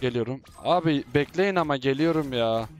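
A man giving live commentary as he plays a game, excitable and teasing, often shouting at teammates. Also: medium pitch, moderate pace. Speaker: gaming YouTuber.

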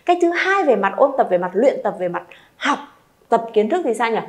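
A woman's voice: fairly high pitch, very animated, a little fast. A woman, teaching a beginner Chinese lesson and coaxing students to repeat aloud.

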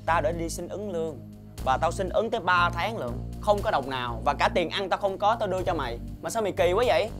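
A man's voice: high-pitched, lively intonation, brisk. A young man, playing a hard-up student who defends himself in a quarrel, with music underneath. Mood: defensive. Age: young adult. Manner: pleading, then heated and shouting. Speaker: student and part-time worker. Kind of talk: web sitcom acting.

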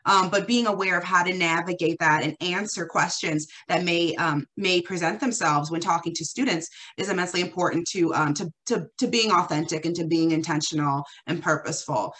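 A woman moderating an online forum over a video call, warmly thanking one speaker and introducing the panelists. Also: on the low side, a little fast, hardly any pauses. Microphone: webcam on a video call.

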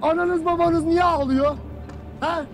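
An actor playing a stern army commander who berates his troops with barking, relentless shouting. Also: very high-pitched, fairly even intonation, measured pace, loud music behind the voice. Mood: furious shouting. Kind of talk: film drama acting.

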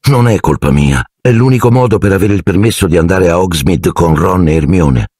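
A man voicing a cool-headed, defiant teenage boy wizard in an audiobook, raising his pitch for the role. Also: expressive, a little fast, darkish tone, slightly rough, dry recording, studio quality. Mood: glum.

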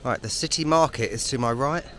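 A man's voice: medium pitch, a little fast, a bit bright. A man vlogging as he walks through a city, giving casual commentary with wry, self-deprecating asides. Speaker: travel vlogger. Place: outdoors on city streets. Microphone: camera mic while walking. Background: faint street and traffic noise.

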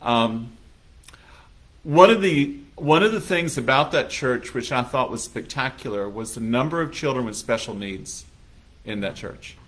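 A man's voice: mid-range voice, animated, measured pace, a bit bright. A man preaching a sermon as pastor in a conversational manner, now and then acting out little scenes in quoted voices. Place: church sanctuary.

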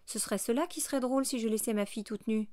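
A woman's voice: fairly high pitch, fast talker, a little mellow, dry recording, studio quality, close to an everyday voice. A woman reading aloud as a poor young mother, earnest and pleading.

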